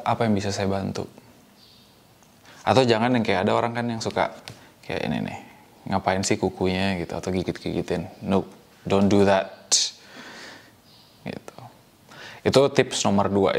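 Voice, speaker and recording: A man's voice: lowish voice, vocal fry. A young man giving direct, coaching advice in a casual talk, slipping in English phrases.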